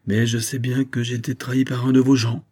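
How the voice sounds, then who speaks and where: A man voicing a betrayed young count who speaks softly and in a subdued, low way. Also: level tone, brisk, natural voice. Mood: resigned.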